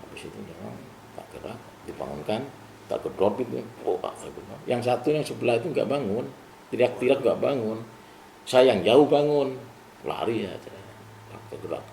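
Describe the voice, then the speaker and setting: An older man telling a story in casual spoken style, animated and rising to loud bursts at tense moments, with a gravelly voice. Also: medium pitch, normal speed, slight background noise. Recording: roomy room with clear background ambience.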